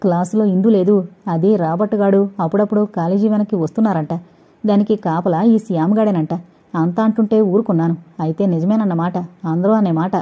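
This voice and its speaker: A woman voicing a spirited young female college student in a dramatized audio novel, talking in quick, indignant bursts. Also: medium pitch, fairly even intonation, husky, close to an everyday voice. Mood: gossiping. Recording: dull lo-fi recording.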